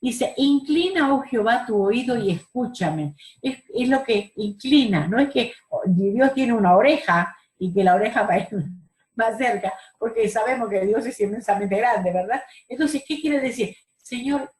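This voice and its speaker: A woman's voice: fairly high pitch, moderate pace, a little mellow, reverberant, poor audio. A woman teaching a Bible study class over a video call, explaining verses and asking the group questions. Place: home room on a video call.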